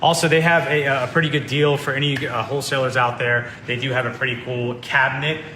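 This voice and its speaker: A man's voice: mid-range voice, steady tone, quick pace. A man who owns an auto shop, hosting a casual promotional chat in an easygoing, chatty way. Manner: easygoing, chatty, loose restarts. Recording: echoey shop with loud background noise.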